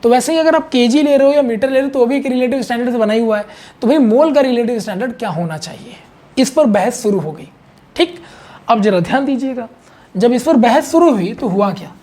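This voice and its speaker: A man's voice: very high voice, lively intonation, fairly quick, darkish tone. A man teaching a chemistry lesson in a conversational, repetitive way, often checking in with his students. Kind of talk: explanatory online chemistry lesson.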